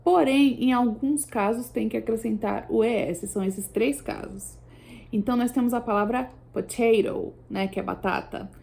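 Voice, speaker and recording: A woman's voice: a little high, normal speed, vocal fry, darkish tone. A woman teacher explaining plural rules over slides, patiently checking in with her students. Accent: Brazilian Portuguese. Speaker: English teacher. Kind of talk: slide-based language lesson.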